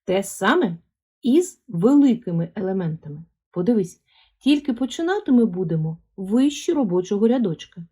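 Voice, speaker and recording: A woman's voice: mid-range voice, big pitch swings, mellow, slightly rough. A woman teaching a handwriting lesson to first graders, speaking patiently and drawing out words to show stress. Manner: slow, patient, sing-song coaching that stretches words to model stress. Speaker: primary school teacher.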